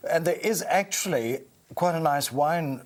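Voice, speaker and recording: A man's voice: fairly high pitch, a little slow. A man hosting a conversational broadcast interview, prompting his guest with interested questions and short exclamations. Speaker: host interviewing a wine maker on a shopping show.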